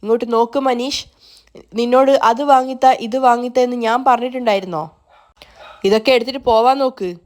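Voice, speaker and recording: A proud young mother in a retold serial drama, sharp-tongued and indignant, as a woman narrator reads her. Her slightly high voice stays near the narrator's own. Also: moderate pace, clear, resonant tone, natural voice. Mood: angry.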